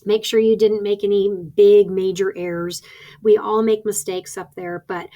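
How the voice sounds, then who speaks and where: A woman's voice: mid-range voice, level tone, moderate pace, warm tone. A woman teacher talking through a screen-recording tutorial in a practical, chatty way, thinking aloud as she clicks. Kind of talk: instructional screen-recording walkthrough.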